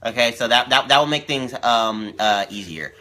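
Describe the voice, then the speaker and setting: A man's voice: medium pitch, normal speed, sharp tone. A young man hosting a casual live stream for his gaming channel, rambling with lots of fillers and repeating himself. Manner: eating while talking.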